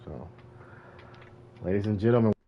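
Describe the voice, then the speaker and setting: A man hosting a casual podcast interview in a relaxed, rambling way, his audio glitching and cutting out. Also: fairly low pitch, normal speed, muffled recording, slight background noise. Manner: relaxed, rambling, many fillers. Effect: glitching audio, mic cutting out. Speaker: host.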